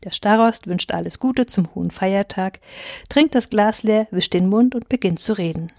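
A woman reads a classic story aloud in calm, measured narration. Her medium-pitched voice is close and dry. There is no room sound behind her. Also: no echo. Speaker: reader. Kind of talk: literary read-aloud narration.

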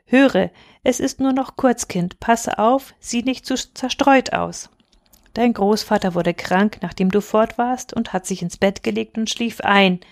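A woman reading a storybook voices a gruff, loyal old tomcat who grumbles and confides, with a slightly gravelly, dry sound. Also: fairly high pitch, measured pace, dry recording. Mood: urgent.

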